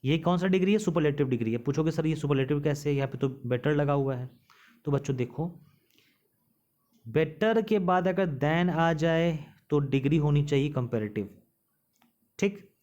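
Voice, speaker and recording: A man's voice: on the high side, animated, normal speed, a little mellow. Man teaching English grammar in Hindi.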